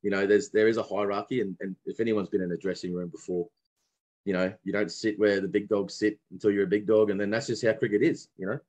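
A man's voice: on the low side, quick pace. A young adult man from Brisbane with an Australian accent, chatting casually as a podcast guest and telling stories with friendly slang and plenty of restarts. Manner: relaxed storytelling with mateship slang and many restarts. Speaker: guest, former professional cricketer.

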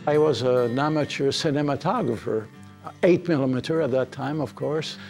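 A man's voice: medium pitch, gravelly, a little mellow, soft background music. A man who works as a cinematographer, recalling with chuckles how he started out. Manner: chuckling, unhurried recollection. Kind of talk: interview reminiscence.

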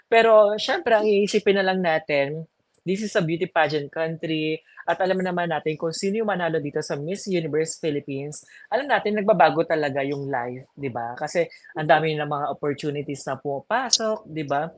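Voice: mid-range voice, normal speed, no room sound. A chatty host in casual talk about pageants, giggling often between phrases. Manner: chatty, giggly, mixes English and Filipino. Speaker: vlog host. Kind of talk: casual pageant chat in Taglish.

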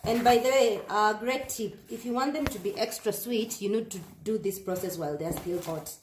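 A woman's voice: medium pitch, normal speed, roomy sound, a little hiss or hum. A young woman hosting a casual home cooking vlog, chatting through the steps and slipping Swahili words into her English. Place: home kitchen, indoors.

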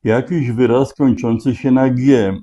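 A man works through a crossword out loud, unhurried and methodical, sounding out letters one by one. His voice is very dark and mellow, caught on a dull, lo-fi recording. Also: mid-range voice, steady tone. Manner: slow, deliberate, spelling out letters. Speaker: crossword solver. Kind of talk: thinking aloud while solving a crossword.

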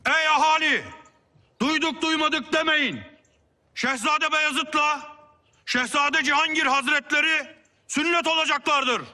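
A man's voice: extremely high pitch, heavily acted. A middle-aged man acting as an Ottoman town crier, calling out formal proclamations in a period drama. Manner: town crier's loud, drawn-out public proclamation.

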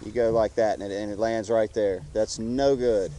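Wind and water noise sit behind this casual how-to talk, recorded by a camera mic a few feet from a middle-aged man on a lake boat. The fishing instructor's voice is warm and on the low side, steady and at normal speed, as he easily walks through tips step by step, restarting now and then.

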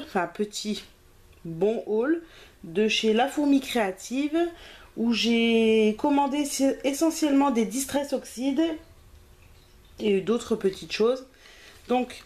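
A woman's voice: fairly high pitch, darkish tone. A woman chatting casually through a craft haul video, self-deprecating and often hesitating. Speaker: craft vlogger.

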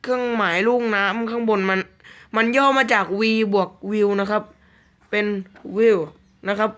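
A man chatting casually through mobile game news, joking around and reading out English slowly word by word. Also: high-pitched, fairly even intonation, fairly bright tone, smooth. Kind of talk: casual commentary.

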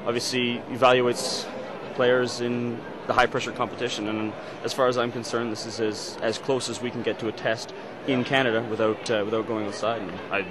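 A man's voice: mid-range voice, flat delivery, a little fast. A man in his thirties, a team captain, giving a candid, self-critical post-match assessment. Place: outdoor stadium, post-match. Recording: crowd noise behind.

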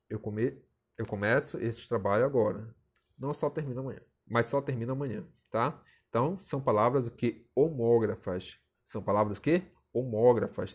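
Young male teacher, husky mid-pitched voice, chatty video-lesson delivery full of tag questions. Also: a little mellow.

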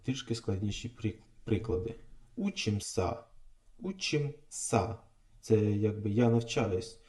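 Slow, low-voiced man teaching phrases. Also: dark tone, roomy sound. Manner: repeats phrases slowly, thinks aloud. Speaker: language teacher. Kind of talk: casual language lesson.

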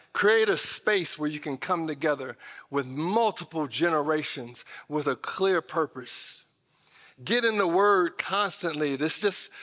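A sharp-toned, fairly high-pitched man's voice belongs to a middle-aged American pastor giving a sermon. Emphatic and conversational, he speaks right to the congregation and drops in folksy asides. It's captured from the stage of a large indoor church auditorium, with reverberant hall sound.

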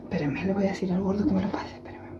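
A woman's voice: medium pitch, steady tone, rapid-fire, muffled recording, noisy background. Chatty Chilean woman in her kitchen. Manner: chatty, addresses viewers directly and often. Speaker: vlogger. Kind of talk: casual cooking vlog chat. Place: home kitchen.

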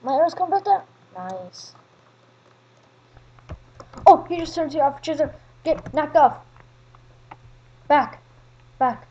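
A woman giving solo video game commentary, chatting at other players and swinging from mumbled asides to excited yelling. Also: high voice, slow pace, long pauses, lo-fi sound. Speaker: gaming commentator. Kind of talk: solo Minecraft gameplay commentary.

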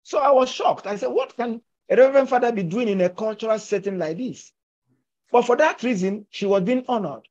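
On a video call with muffled audio, an older man who is a filmmaker and actor tells a story about his film, gesturing with his hands as he speaks emphatically and persuasively. His voice is very high-pitched, fairly quick and darkish in tone, and he's indoors at home in front of a virtual backdrop.

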